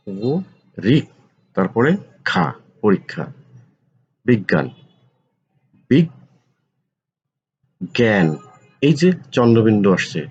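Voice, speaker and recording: Slow, deliberate male teacher. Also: on the low side, darkish tone, a little hiss or hum. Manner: slow, repeats each word deliberately. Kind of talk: pronunciation lesson. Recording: dull lo-fi sound.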